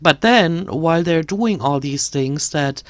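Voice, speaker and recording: A woman's voice: deep voice, expressive, unhurried, no echo. A woman giving critical commentary on another creator, talking in an indignant, ranting way. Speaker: commentary youtuber.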